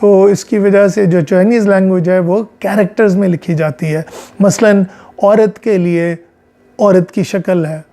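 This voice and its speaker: High, mellow-voiced Pakistani Punjabi lecturer. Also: male voice, steady tone. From central Punjab, Pakistan. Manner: measured, explains with examples, mixes in English phrases. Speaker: psychologist lecturer. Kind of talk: explanatory lecture.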